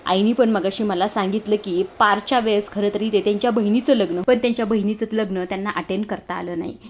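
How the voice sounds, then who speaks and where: A woman's voice: mid-range voice, fairly even intonation, fast talker, natural voice. Anxious young female student, read by a woman narrator, worried, pleading, storybook retelling.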